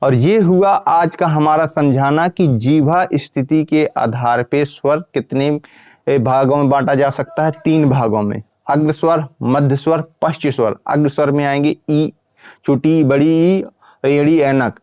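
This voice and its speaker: A man's voice: a little high, a little mellow, no echo, studio quality. Male teacher quizzing his class. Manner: asks the class questions and answers them himself; repeats points slowly and sounds out vowels. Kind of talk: grammar lesson.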